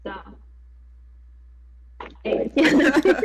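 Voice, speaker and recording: A young Thai woman co-hosting a podcast chats casually, rambling giggly through a story packed with fillers. Her high-pitched, expressive voice moves very slowly. The dull, distant mic sits against a noisy background.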